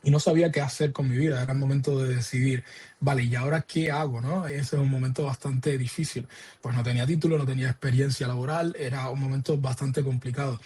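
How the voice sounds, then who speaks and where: A man's voice: medium pitch, steady tone, fast, warm tone, slightly rough. A young man from Cuba, a guest answering interview questions earnestly, repeating words as he searches for them.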